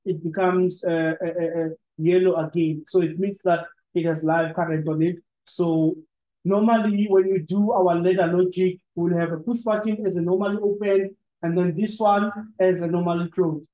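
A PLC trainer gives a one-on-one screen-share lesson, explaining step by step with frequent restarts and the filler "ne?". His voice is high and warm, and the audio sounds roomy and lo-fi.

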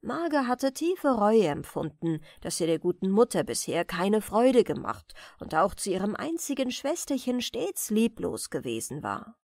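Woman reader, soothing bedtime fairy tale, slow and melodic. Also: mid-range voice, dry recording, clean studio sound. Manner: gentle, expressive storytelling. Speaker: audiobook reader.

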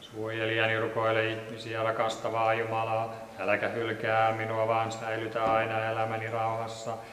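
A man reading liturgical prayers in a steady, monotone recitation in a large church. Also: on the low side, a little hiss or hum. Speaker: liturgical reader. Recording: echoey church with long reverb.

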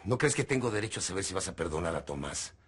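A man's voice: low-pitched, expressive, quick pace, fairly bright tone, slightly rough, faint music behind, exaggerated voice. An actor playing a resentful man who insists on his due over the phone. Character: aggrieved man pleading on the phone.

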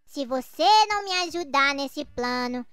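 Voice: high voice, lively intonation, normal speed, bright, forceful tone, no room sound, soft background music. An actor voicing a smug, commanding little boy who schemes like a small villain in a children's comic dub.

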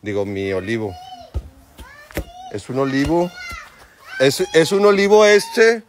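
Excitable Mexican man with a lively voice. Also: mid-range voice, slow, soft background music. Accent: Mexican Spanish. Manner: excitable, cheers and coaches kids loudly. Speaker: vlogger filming his family. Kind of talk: casual home vlog.

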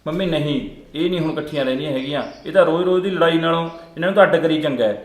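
In a family comedy skit, a man plays a younger brother worn out by the daily quarrels who gives in easily to his elder brother, sounding weary and accommodating. His voice is a little high and very fast, lightly acted, recorded in an echoey room with music.

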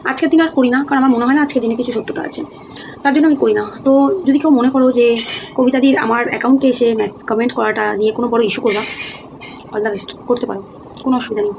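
A woman vlogger talks straight to her viewers, earnest and a little worn down as she explains herself. Her voice sits slightly high with a gravelly edge, and the words come out quickly. Steady background noise runs under the recording. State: feeling low and heavy-hearted. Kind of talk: casual talk to viewers.

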